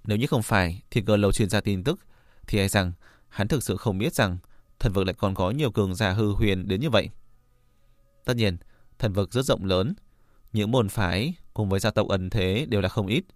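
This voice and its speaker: A man narrating a fantasy novel as an audiobook in a steady storytelling read. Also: lowish voice, moderate pace, no echo, studio quality. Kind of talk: scripted narration.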